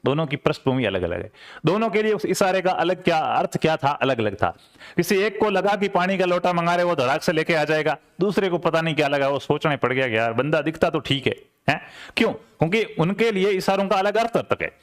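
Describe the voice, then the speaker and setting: A man's voice: on the high side, expressive, fairly quick. A man, teaching an exam-prep lecture conversationally and repeating key terms with rhetorical check-ins. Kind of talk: classroom lecture.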